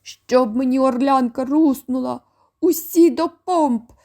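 A woman voicing an angry old male sea admiral who shouts and blusters. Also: high-pitched, slow. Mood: furious.

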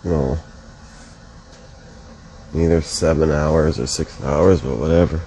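A man's voice: extremely low pitch, fairly even intonation, slow, warm tone, slight background noise, poor audio. A man commentating his mobile game casually, groggy from just waking up, swearing and muttering to himself. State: just woke up, yawning.

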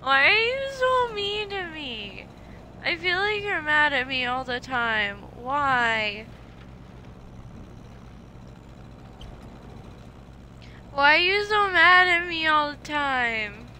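A woman voicing an anxious, chaotic young female cat in a game, with loud, excitable outbursts. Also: high voice, takes it slowly, a little hiss or hum, heavily acted. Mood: hurt.

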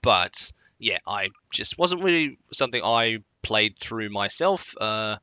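Bright-toned, rambling male co-host. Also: on the low side, lively intonation, slow pace, smooth, no room sound. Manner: rambling, many fillers and restarts, chatty. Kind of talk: casual gaming commentary.

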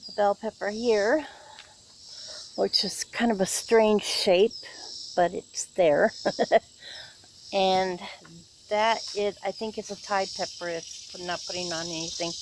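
A woman giving a casual, unhurried tour of her backyard garden, filming with a handheld camera outdoors and talking with many fillers and pauses. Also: medium pitch, steady tone, a little hiss or hum. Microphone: handheld camera, filming as she walks. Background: faint insects and outdoor ambience.

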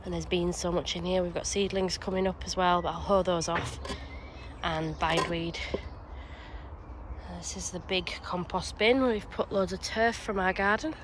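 Chatty woman on a noisy allotment. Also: lowish voice. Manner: chatty, explaining as she works. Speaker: gardening vlogger. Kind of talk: casual walk-through chat. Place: outdoor allotment, windy. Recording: noisy outdoor recording. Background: wind and a strimmer.

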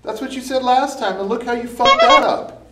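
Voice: medium pitch, very animated, normal speed, lightly acted. Mob boss on the phone, actor: scornful; heavy line noise, roomy echo. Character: gruff crime boss on the phone.

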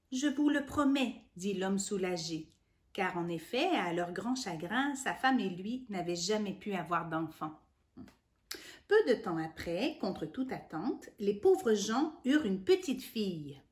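A woman with a Québécois accent, hosting a children's story hour, reading a storybook aloud in an animated, sing-song way and talking directly to the child. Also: medium pitch. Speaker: children's storyteller and channel host.

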